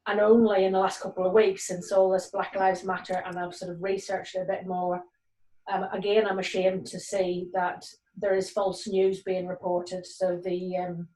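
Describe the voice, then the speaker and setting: A police community cohesion sergeant in her forties, from Nigeria and Northern Ireland, speaks earnestly on a video call with many ums and restarts. Her medium-pitched delivery stays fairly flat, and the audio sounds roomy and distant, as though she sits well back from the mic.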